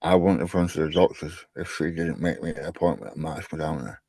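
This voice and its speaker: A man's voice: rumbling low, expressive, brisk, creaky, a little mellow, slightly rough, no room sound. A man chatting casually as an interview guest, self-deprecating and often repeating words as he goes. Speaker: podcast guest, cancer survivor.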